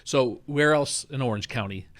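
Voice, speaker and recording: A man's voice: mid-range voice, normal speed, fairly bright tone. A man hosting an interview in a conversational style, with informal, wordy recaps leading into his questions. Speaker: interviewer, show host.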